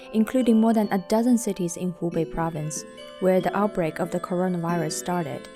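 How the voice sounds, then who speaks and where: Woman recording muffled under a blanket. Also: medium pitch. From Shanghai, China. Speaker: podcast producer and host. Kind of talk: scripted news narration.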